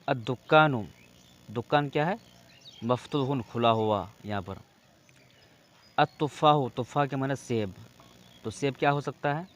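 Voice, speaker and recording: A man teaching an Arabic lesson in Urdu, reading Arabic words aloud one at a time and then explaining what each one means. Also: medium pitch.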